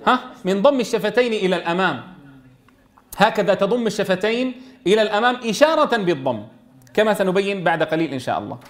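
A man teaching Quran recitation rules to a class, quizzing his students and modeling words in slow, drawn-out recitation. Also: high-pitched, fairly bright tone.

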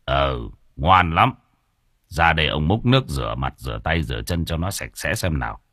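A man voicing a kindly, calm elderly father who speaks in an unhurried, soothing and gently chiding way. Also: very deep voice, no room sound, clean studio sound, pitched below the performer's own voice, full character voice.

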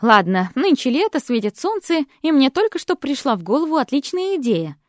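A woman voicing a bossy, theatrical young bride who speaks in loud, emphatic declarations in an audiobook. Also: high voice, big pitch swings, a little fast, no room sound, studio quality, voice pushed up. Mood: commanding.

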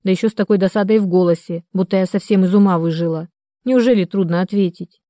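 A woman's voice: medium pitch, quick pace, warm tone, no echo, studio quality, natural voice. A woman reading the part of a retired mother in her sixties, anxious and reproachful, in an audiobook. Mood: upset.

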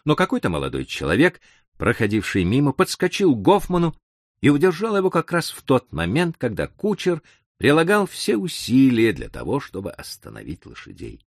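A man's voice: mid-range voice, huge pitch swings, moderate pace, no echo, studio quality. A man narrating a story in a dramatic, theatrical reading style. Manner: theatrical, widely varied delivery. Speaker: audiobook narrator.

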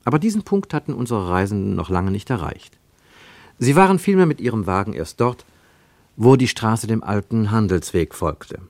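The narrator, a man with a somewhat low voice, delivers literary prose for a radio play with dramatic, deliberate phrasing and animated intonation. It was recorded very dry in a studio, leaving no room sound.

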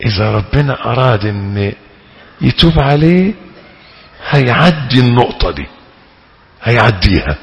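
A male Egyptian sheikh teaches a religious lesson in a large hall, with a long echo trailing each phrase. His pitch leaps and falls all over the place as he acts out pleading prayers, then drops low to explain. It is a lively, dramatic delivery. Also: normal speed, creaky, pauses often, muffled recording. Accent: Egyptian Arabic. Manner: animated, dramatic, rising to loud pleading emphasis. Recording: reverberant hall.

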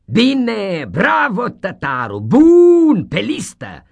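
A man voicing a blustering, mocking male village schoolmaster who shouts and cackles at his pupils, in a storybook reading. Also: sits high, wildly swooping pitch, creaky, pitched above the performer's own voice, heavily acted. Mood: scolding.

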